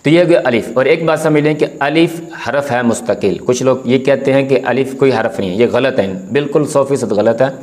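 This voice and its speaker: A man teaching beginners to read the Quran, calmly explaining how each letter is said and drawing out the sounds to demonstrate them. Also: medium pitch, fairly quick, hardly any pauses. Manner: firm when correcting common mistakes. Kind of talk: recorded beginner lesson, explaining letter pronunciation.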